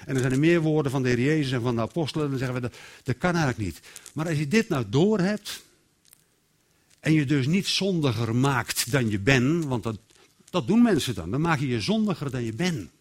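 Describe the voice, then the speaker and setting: A man preaching a sermon in a lively, animated way, acting out quotes and inner voices. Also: mid-range voice, fairly quick.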